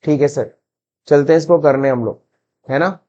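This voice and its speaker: A man's voice: on the high side, moderate pace, mellow, muffled recording. Man teaching accounts in a mixed Hindi-English lesson. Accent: Indian English. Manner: mixes Hindi and English, asks and answers his own questions. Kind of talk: screen-recorded classroom lesson.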